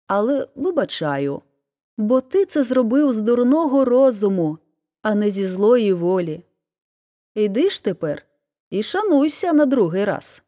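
A man's voice: sing-song, measured pace, warm tone. A man voicing a boastful, self-important male donkey in a folk tale reading. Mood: smug lecturing. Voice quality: high, strained voice.

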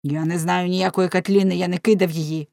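A woman voicing a desperate nobleman prisoner who shouts and pleads frantically, in a dramatic audiobook reading. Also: fairly low pitch, steady tone, a little fast, gravelly, dry recording, studio quality. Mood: frantic shouting.

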